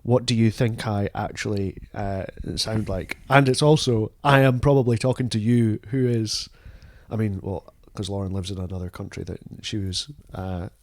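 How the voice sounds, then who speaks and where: A man hosting a podcast in casual chat, talking haltingly with many restarts. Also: on the low side, steady tone, darkish tone, dry recording. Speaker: podcast host.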